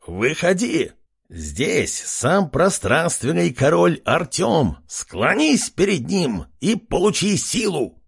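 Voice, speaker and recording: A man voicing a boastful male pig-man warrior in a fantasy audiobook, his voice husky. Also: fairly high pitch, sing-song, slow pace, no room sound, clean studio sound, voice pushed up, exaggerated voice. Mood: excited shouting.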